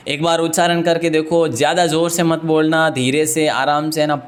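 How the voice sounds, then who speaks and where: A man's voice: on the high side, little pitch movement, moderate pace. A man with a Rajasthani Hindi accent teaching a live online exam-prep class, chatty and joking as he talks to his students. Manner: chatty and joking, often addresses students as friends.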